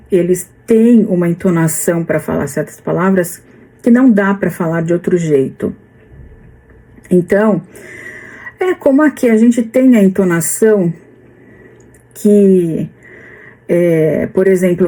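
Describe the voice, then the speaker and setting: A Brazilian woman in her fifties with a Brazilian Portuguese accent, talking slowly and hesitantly in a casual vlog, with many restarts. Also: on the low side, dark tone, low-quality recording. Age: 50s. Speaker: vlogger.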